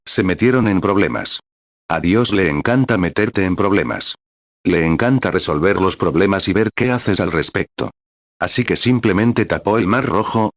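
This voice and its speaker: A man's voice: low voice, dry recording, studio quality. A man preaching a sermon in Spanish translation, with fervent exclamations and scripture readings.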